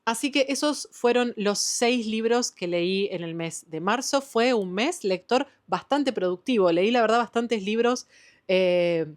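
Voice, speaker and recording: A book vlogger with an Argentine Spanish accent chats excitedly about what she's been reading, filling her speech with lots of "eh" and "em." Her voice sits on the high side and moves a little slowly. It's a casual wrap-up of her recent books.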